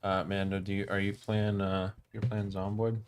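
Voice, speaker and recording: A man's voice: lowish voice, level tone, moderate pace, slight background noise. A wheezy man with throat trouble and a cough, chatting casually and swearing as he streams a game. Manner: sweary, informal. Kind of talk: casual gaming stream chat.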